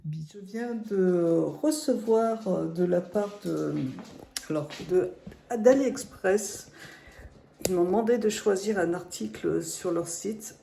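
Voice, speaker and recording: A middle-aged woman who is sick and hoarse, chatting hesitantly through a casual product review vlog, filmed on her phone at home. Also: medium pitch, slow pace, mellow, slight background noise. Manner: chatty and hesitant, often restarting phrases. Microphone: phone camera.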